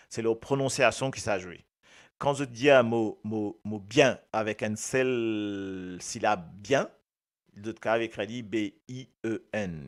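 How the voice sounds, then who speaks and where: A man with a Mauritian accent giving a casual, animated language lesson, often repeating his words and joking. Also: on the low side. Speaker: Creole language presenter.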